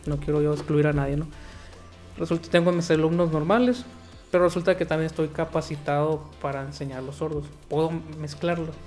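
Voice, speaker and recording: Friendly host, chatty storyteller, faint music behind. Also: male voice, fairly high pitch, fairly even intonation, brisk, darkish tone. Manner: friendly, chatty, says "men" and "fíjate". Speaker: podcast host. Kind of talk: casual interview talk.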